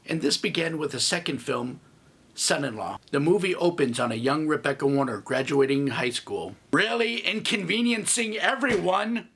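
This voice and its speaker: A man's voice: mid-range voice, moderate pace, slightly rough. A man in his thirties giving a comedic movie review with snarky, sarcastic asides. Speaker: film reviewer.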